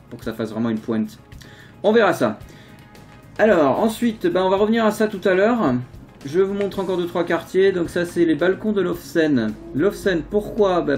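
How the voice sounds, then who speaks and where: A man's voice: mid-range voice, a little mellow. A man giving a casual, rambling walkthrough of his city-building game, full of fillers and restarts. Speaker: let's play host. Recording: faint background music.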